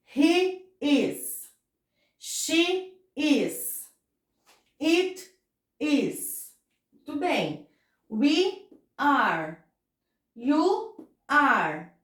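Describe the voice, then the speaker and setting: A young woman with a Brazilian accent leads a grammar lesson, with a bright, high voice. She slows down to model each phrase and keeps asking whether it is easy. The recording has an echoey room sound. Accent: Brazilian Portuguese. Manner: patient, drawn-out model phrases, diminutive reassurances. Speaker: English teacher.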